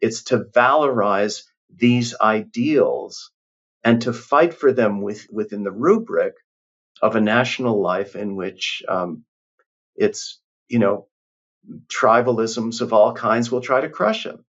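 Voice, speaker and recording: Speaking slowly in a lowish voice, this male professor answers interview questions as a guest, reflective and emphatic, with many restarts. The sound is dull and lo-fi.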